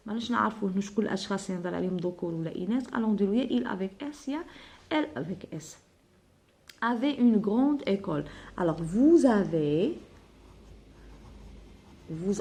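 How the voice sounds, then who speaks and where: A woman's voice: mid-range voice, darkish tone. Algerian woman teaching French grammar. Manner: spells out letters slowly, switches between French and Arabic. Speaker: primary school teacher. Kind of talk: French grammar lesson explained in Algerian Arabic.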